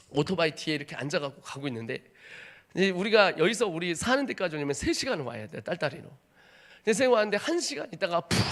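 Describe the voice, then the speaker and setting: A man in his thirties, a missionary preacher, telling a personal testimony in a sermon with dramatic storytelling, dropping to a hush and rising to shouts. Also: fairly high pitch. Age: 30s. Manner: dramatic storytelling, acts out voices, swings from hushed to shouting.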